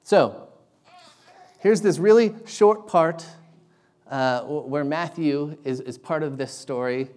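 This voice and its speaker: A young man preaching a sermon in a casual, halting way with lots of ums, his voice carrying an echoey big-room sound. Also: fairly high pitch, a little mellow. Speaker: guest preacher.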